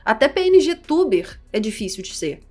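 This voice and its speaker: Young Carioca woman, fairly high voice, animated casual vlogger, light music underneath. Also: normal speed. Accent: Carioca Portuguese. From Rio de Janeiro, Brazil. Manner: animated, chatty, self-deprecating. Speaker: VTuber and content creator. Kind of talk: casual vlog talk.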